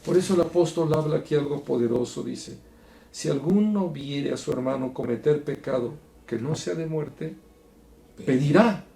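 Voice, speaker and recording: A man teaching a Bible study in an earnest, preacherly way, going from soft to emphatic. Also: fairly high pitch, normal speed, gravelly. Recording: echoey room.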